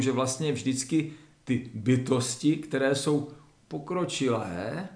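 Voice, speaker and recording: A man giving a spoken lecture that explains religious texts step by step, often pausing to clear his throat. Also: mid-range voice, darkish tone. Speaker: lecturer on esoteric Christianity. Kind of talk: spoken lecture with Bible reading. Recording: roomy echo.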